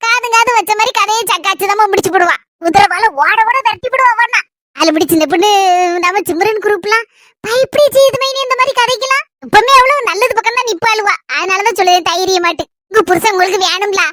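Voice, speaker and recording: A woman's voice: very high voice, fast, pushed and bright, a little hiss or hum. A woman acting a chatty village sister-in-law in a comedy skit, with a Kanyakumari Tamil accent and a persuasive way of talking. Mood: scheming. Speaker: skit actress.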